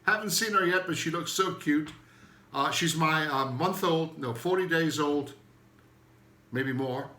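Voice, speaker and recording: A man's voice: fairly high pitch, unhurried, bright, forceful tone, echoey room. An older man from Turkey with a Turkish accent, a native Turkish speaker, hosting a rambling, joking comedy monologue that often loses its thread. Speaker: comedian host.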